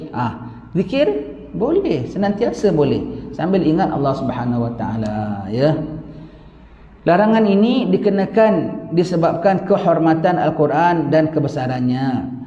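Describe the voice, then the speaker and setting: A man's voice: on the high side, big pitch swings, unhurried, dark tone, a little hiss or hum. A man with a Malaysian accent giving a religious lecture, reading from a book and then explaining it with asides and rhetorical questions. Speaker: religious teacher. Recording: dull lo-fi recording in an echoey hall.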